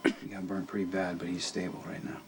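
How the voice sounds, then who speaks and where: An actor playing a gentle man who reassures a woman in a hospital bed, soap opera style. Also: flat delivery, a little fast, over music, natural voice. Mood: tender. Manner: soft, reassuring, low-key. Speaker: rescuer at a hospital bedside.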